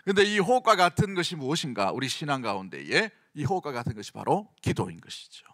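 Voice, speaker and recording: A man's voice: a little high, very animated, fast talker, a bit bright, no echo, clean studio sound. A middle-aged man with a Gyeongsang accent preaching a sermon in a conversational way, often asking the congregation questions. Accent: Gyeongsang Korean. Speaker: senior pastor.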